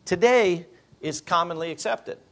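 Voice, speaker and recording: A man's voice: high-pitched, unhurried, a bit bright. A man in his fifties, a pastor, preaching a sermon with emphatic rhetorical questions to a congregation. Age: 50s.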